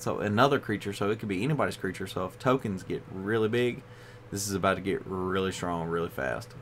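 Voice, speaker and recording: Hosting a casual card review video, a tired man yawns and rambles along with plenty of fillers. His voice is lowish but fairly bright, with a little hiss or hum in the background.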